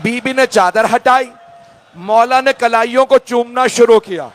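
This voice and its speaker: A man's voice: very high voice, measured pace, a bit bright. A male cleric delivering an emotional mourning sermon and speaking directly to his listeners.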